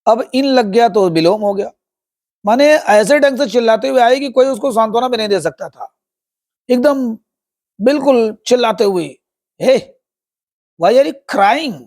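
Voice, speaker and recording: A man's voice: extremely high pitch, moderate pace, a little mellow. A man teaching English through a story. He explains each word and meaning, repeats himself, and addresses viewers as friends. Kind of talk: Hindi-medium English lesson explaining a story.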